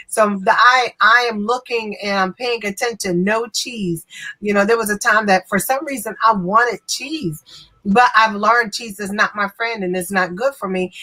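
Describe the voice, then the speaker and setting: A woman's voice: medium pitch, sharp tone. A woman in her fifties hosting an online talk show from her home office, chatty and upbeat. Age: 50s. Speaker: show host.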